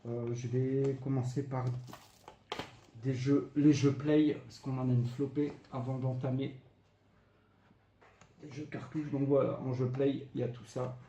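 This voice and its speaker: A man with a mellow, mid-range voice talks at a measured pace in a level tone, pausing often. As a retro game collector vlogger, he chattily shows off video games he bought, listing items and prices with plenty of fillers. The room is echoey with faint background noise.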